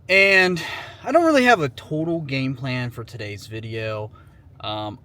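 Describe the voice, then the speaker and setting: A man's voice: medium pitch, sharp tone, slight background noise. A man in his thirties from Ohio, chatting casually and rambling with lots of fillers as he drives and vlogs. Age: 30s. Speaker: vlogger. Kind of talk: casual talking while driving. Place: in a car.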